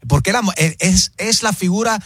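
A man's voice: high voice, normal speed, fairly bright tone, husky, no room sound, clean studio sound. A man hosting a casual radio talk show, chatty, slipping into English while searching for words.

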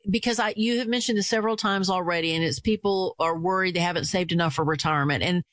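A woman's voice: lowish voice, fast, a bit bright, dry recording, studio quality. A woman hosting a radio talk show, chatty and upbeat as she questions her guest. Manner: chatty, upbeat, repeats phone number.

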